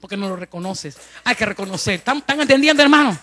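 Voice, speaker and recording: Preacher guy, really high bright voice, fired up, amen every other line. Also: lively intonation, fast talker. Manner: fervent, addresses congregation as brother, frequent amen and hallelujah. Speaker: pastor. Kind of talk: lively Spanish-language sermon.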